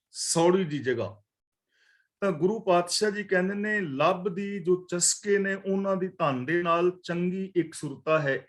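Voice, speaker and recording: Man, scripture teacher, fairly high voice, slow verse recitation, word-by-word explanations. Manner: glosses verse words one by one, slow recitation of lines. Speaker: katha teacher.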